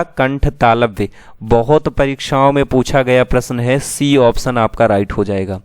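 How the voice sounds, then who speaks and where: A male teacher working through an exam-prep lesson at an unhurried, measured pace, asking a question and then giving the answer himself. His voice sits a little high and sounds smooth and crisp. The recording is dry and close. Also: no room sound. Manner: slow and drawn-out, asks questions then answers them.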